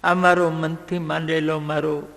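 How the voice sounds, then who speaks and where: A man telling a devotional story in a slow, measured way, breaking into song now and then. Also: fairly high pitch, flat delivery, creaky, a bit bright. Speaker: religious storyteller. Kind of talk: devotional storytelling with sung passages. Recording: long hall reverb.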